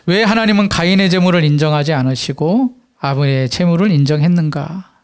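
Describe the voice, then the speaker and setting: A man's voice: on the high side, fairly quick. A man pastor giving a sermon, reading scripture and asking the congregation rhetorical questions with emphatic delivery.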